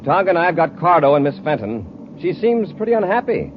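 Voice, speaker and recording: A man's voice: a little high, very animated, fairly quick. A man playing a brave, authoritative space patrol commander in a 1950s radio adventure serial. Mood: firm, assured. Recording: muffled, lightly noisy old radio recording.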